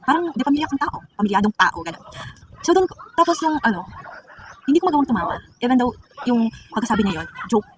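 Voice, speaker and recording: Brief: rapid-fire chatty woman vlogger, confiding tone, mic set back from her with room noise. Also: fairly high pitch, sing-song, distant mic, poor audio. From Philippines. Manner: chatty, confiding, addresses viewers as girl. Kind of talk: casual confessional vlog.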